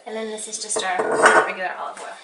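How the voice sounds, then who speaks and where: A woman's voice: medium pitch, level tone, quick pace, over loud music. A woman giving a casual cooking demonstration in a home kitchen, chatting through each step with practical tips. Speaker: guest cooking teacher. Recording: roomy kitchen audio from a distant mic.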